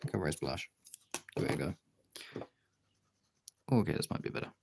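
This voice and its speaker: A casual streamer colours in artwork while chatting, muttering to themselves, and swearing now and then. The voice is low, animated, and fry-laden at a normal pace, with heavy background noise.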